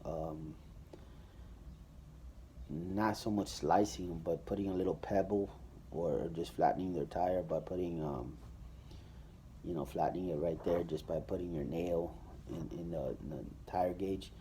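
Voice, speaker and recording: A man's voice: low-pitched, fairly even intonation, measured pace, pauses often, dark tone, a little hiss or hum. A man giving a personal testimony in a casual, conversational way, with plenty of fillers and restarts.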